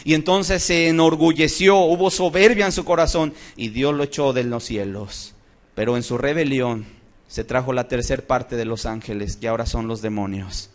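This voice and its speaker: A man preaching a Bible-study sermon. He is impassioned, swings from soft to loud, and asks rhetorical questions. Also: mid-range voice, fairly even intonation, normal speed.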